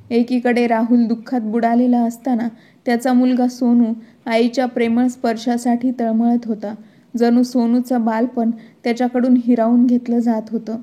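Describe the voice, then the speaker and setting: A woman tells a moral story in a scripted narration. Her voice sits a little high and stays flat and level, with a mellow, soft tone.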